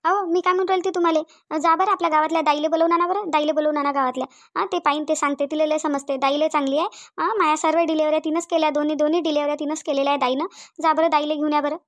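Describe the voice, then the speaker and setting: A woman's voice: high-pitched, fairly even intonation, very fast, lightly acted. A woman voicing a fussy middle-aged village mother with a Varhadi Marathi accent, who talks repetitively and keeps adding tag questions. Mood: urging.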